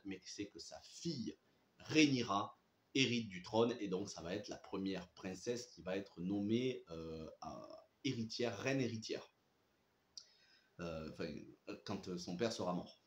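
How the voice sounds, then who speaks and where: A young man with a French accent talks through his review with eager, gushing energy, restarting sentences and filling pauses as he goes. His voice sits on the low side. The sound is echoey, as if he is in a bare room. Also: slight background noise. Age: young adult. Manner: enthusiastic, chatty, many fillers and restarts. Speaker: series reviewer. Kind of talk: casual spoken review.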